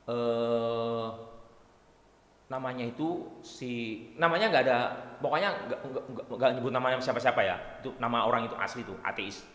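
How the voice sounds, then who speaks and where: Male priest giving a sermon, joky storyteller, bright voice echoing in a big church hall. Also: mid-range voice. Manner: lively, joking storyteller, often addresses the congregation.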